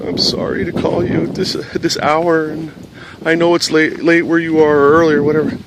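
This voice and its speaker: A man voicing a grieving, tipsy woman who pleads and apologizes in a halting voice. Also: fairly high pitch, flat delivery, background noise, voice pushed up, close to an everyday voice. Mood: tearful pleading.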